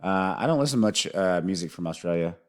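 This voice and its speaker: A man's voice: low-pitched, lively intonation, brisk, a little mellow. A man hosting a music video reaction, thinking aloud in a rambling way and often restarting his sentences.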